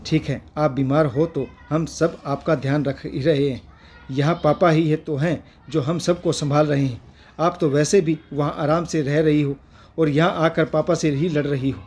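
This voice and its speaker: A reproachful son scolding his mother, read aloud by a man in a husky, slightly high voice. He is a figure from a spoken family story. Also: fairly even intonation, moderate pace, darkish tone. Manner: reproachful, pleading reading.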